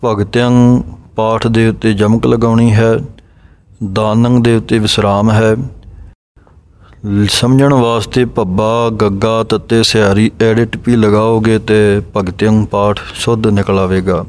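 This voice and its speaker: Slow, steady man teaching recitation. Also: fairly low pitch, clear, resonant tone. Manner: slow measured recitation, then patient step-by-step explanation. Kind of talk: pronunciation lesson on sacred verses.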